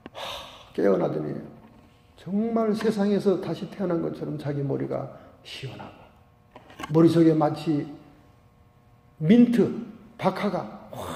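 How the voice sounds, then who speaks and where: A high-voiced middle-aged man preaching from the pulpit, his tone mellow rather than bright. He tells his story with animation and acts out the voices of the people in it. The sound rings through a large church hall with long reverb. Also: vocal fry. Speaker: pastor. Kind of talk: sermon with storytelling. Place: church sanctuary.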